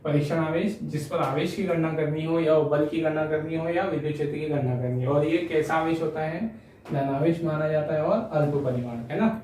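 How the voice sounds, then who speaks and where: A man's voice: a little high, fairly even intonation, fairly quick, darkish tone. A man teaching a physics lesson, explaining step by step, posing questions to the class and answering them himself, with frequent tag questions. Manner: explanatory, asks and answers his own questions, frequent "है ना" tags. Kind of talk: classroom lecture. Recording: echoey room, voice a bit distant, faint hiss.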